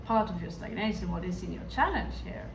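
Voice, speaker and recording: Here the same kind of tarot reading comes in a lower-pitched female voice, lively in intonation and fairly quick. Her accent is Hindi-influenced, and her delivery is musing and hesitant, frequently addressing viewers directly. Echo, distant miking and background noise color the audio.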